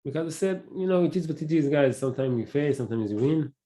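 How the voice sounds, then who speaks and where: His voice is a little high and mellow with lively intonation. A native Hebrew speaker with a Hebrew accent, he hosts a casual solo podcast, speaking haltingly and often restarting while he searches for words.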